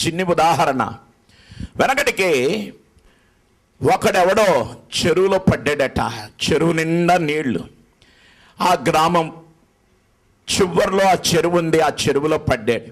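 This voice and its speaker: A high-voiced man preaching with great fervor, his pitch leaping and falling across a wide span. He tells homely parables, softening to quiet asides before erupting into shouts. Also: lively intonation, slow pace, long pauses. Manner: fervent preaching that swings between soft asides and sudden shouts; storytelling with folksy parables. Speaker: pastor. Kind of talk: sermon.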